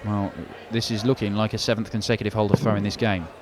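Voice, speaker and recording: A man's voice: fairly low pitch, level tone, fast talker. A man giving conversational live darts commentary, stacking short phrases for emphasis. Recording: crowd noise behind commentary. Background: darts crowd.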